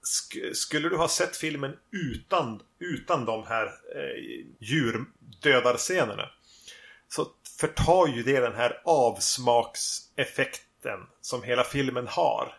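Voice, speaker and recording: A man with a gravelly, fry-laden voice talks over a film on a casual podcast. He is measured and thoughtful, pausing on fillers as he reasons aloud. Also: medium pitch, expressive, fairly bright tone. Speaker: podcast co-host.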